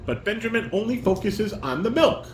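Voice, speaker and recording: In an echoey room with clear background noise, a man with a high-pitched, sing-song voice at normal speed directs a family table read. He reads stage directions and gives informal, corrective instructions.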